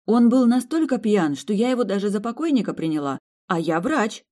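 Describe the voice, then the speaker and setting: Narrator voicing a flustered young doctor bride. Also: female voice, mid-range voice, big pitch swings, a little fast, darkish tone, voice pushed up. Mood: embarrassed, earnest. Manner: pleading, eager to please.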